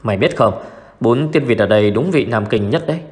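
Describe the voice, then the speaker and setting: A man's voice: medium pitch, lively intonation, a little fast, lightly acted. A man doing a glib, grinning young swindler. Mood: glib joking. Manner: breezy, glib, joking.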